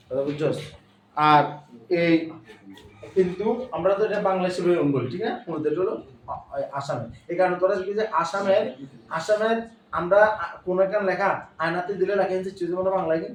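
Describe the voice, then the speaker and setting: A man's voice: fairly high pitch, a little hiss or hum. A man with a Bangladeshi Bengali accent teaching a class, going through a passage line by line and often checking that his students follow. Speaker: English teacher. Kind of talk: classroom lesson explaining a passage. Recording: echoey room, mic far off, faint ambience.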